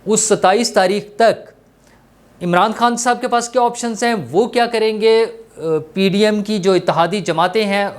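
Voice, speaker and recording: A man with a Pakistani Urdu accent hosting his own channel, explaining politics in a steady, explanatory way with small fillers. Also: high voice. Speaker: political commentator and host. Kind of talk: solo political analysis.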